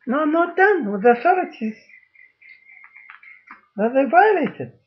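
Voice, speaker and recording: A man making a personal video appeal to the camera as a father, talking in halting, emphatic, repetitive phrases while he holds up documents. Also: very high-pitched, sing-song, highs cut off.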